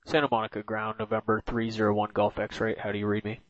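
A man's voice: fairly low pitch, monotone, fast talker, no echo. Pilot guy on aviation radio, lots of uhs, muffled dull sound. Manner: hesitant, many uh fillers. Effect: aviation radio transmission. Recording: muffled dry radio audio.

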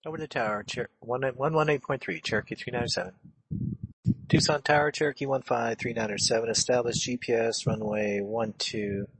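A man speaking as a pilot in brisk radio phraseology over an aviation radio. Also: mid-range voice, fairly even intonation, a bit bright, slightly rough, no room sound, poor audio.

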